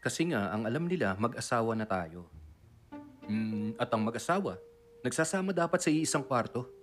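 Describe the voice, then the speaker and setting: An actor dubbing a curt, matter-of-fact young company heir. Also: male voice, medium pitch, lively intonation, normal speed, faint music behind, lightly acted. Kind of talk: Tagalog drama dub.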